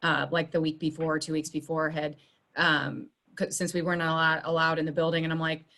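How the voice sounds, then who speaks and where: A woman's voice: low voice, flat delivery, a little fast, bright, forceful tone. A woman working as a school social worker, talking in a rambling way with many restarts during a video meeting. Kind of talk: casual video meeting chat. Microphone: video call.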